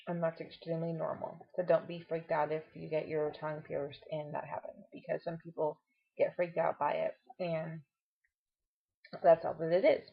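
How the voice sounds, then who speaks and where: A woman's voice: fairly low pitch, vocal fry, husky. A woman giving a casual, explanatory vlog update with reassuring advice, her speech affected by a swollen tongue. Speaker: vlogger. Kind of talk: casual personal update to camera. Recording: dull, muffled lo-fi home recording.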